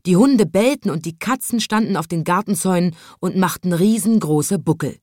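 A woman reading a children's story aloud in a calm, expressive way. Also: fairly low pitch, normal speed, dry recording, studio quality.

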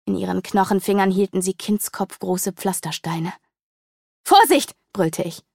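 A woman's voice: on the low side, fairly even intonation, moderate pace, vocal fry, dark tone, no echo, clean studio sound. A woman reading a fantasy novel aloud in a dramatic, vivid storytelling manner. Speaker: audiobook narrator. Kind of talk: scripted fantasy narration.

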